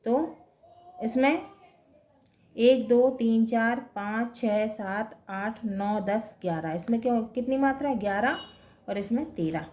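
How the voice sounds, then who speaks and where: A woman teacher with a fairly high voice takes her lesson very slowly. She counts syllables out loud, one after another, and keeps pausing to check that her class is following. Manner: slow, steady counting aloud with repeated checks. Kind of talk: Hindi grammar lesson.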